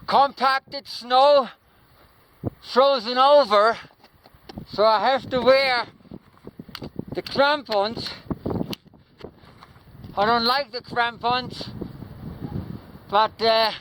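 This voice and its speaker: A man with a very high-pitched voice narrates a casual hiking vlog. He addresses viewers slowly, with a halting delivery. He is outdoors, and wind buffets the microphone. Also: a bit bright, poor audio. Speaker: vlogger, mountain hiker. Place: outdoors on a high mountain trail. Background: wind noise.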